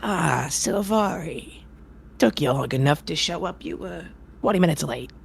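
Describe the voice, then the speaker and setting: A man's voice: fairly high pitch, expressive, measured pace, creaky, a little hiss or hum, pitched above the performer's own voice, heavily acted. A man voicing a bossy, impatient halfling circus ringleader who barks orders. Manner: impatient, barking orders, fumbling. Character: gruff, bossy little halfling ringleader, middle-aged man.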